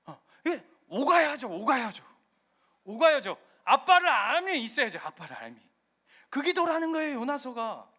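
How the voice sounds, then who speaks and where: Animated bright-voiced male pastor preaching. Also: extremely high pitch, moderate pace. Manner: animated, acts out comic quotes of children and parents. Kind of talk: sermon.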